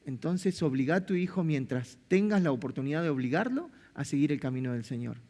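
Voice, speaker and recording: An animated Argentine man preaches in a big church hall, his voice ringing with long reverb. He speaks high for a man and swings his pitch widely, firing off rhetorical questions and repeating his phrases. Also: brisk. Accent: Argentine Spanish. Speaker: pastor. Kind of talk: sermon.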